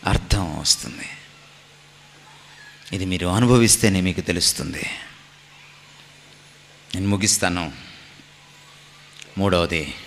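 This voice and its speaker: A man's voice: fairly low pitch, pushed and bright, in a large hall, slight background noise. A man preaching a sermon as a pastor, emphatic and rhythmic, slipping into English phrases now and then.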